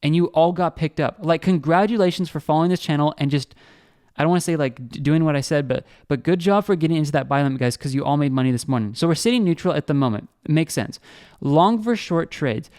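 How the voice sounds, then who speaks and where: A young man hosting a crypto trading channel, giving fast, excitable screen-share market commentary and talking straight to his viewers. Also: on the high side, no echo, clean studio sound.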